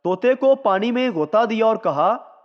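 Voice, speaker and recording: Guy with a high voice reading jokes slow, muffled sound, long echo tail. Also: animated. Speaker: joke narrator. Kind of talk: scripted joke reading. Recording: dull lo-fi sound with long reverb.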